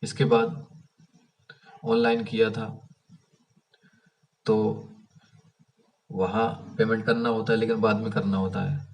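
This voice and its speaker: A man with a lowish voice talks to the camera outdoors beside an unfinished house. He tells his complaint in a rambling, restarting way that keeps turning aggrieved. The camera sits a fair distance away, so his voice sounds far off. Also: little pitch movement, slow, long pauses. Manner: rambling, many restarts and fillers. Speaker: vlogger. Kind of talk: casual storytelling to camera. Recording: voice heard from a distance.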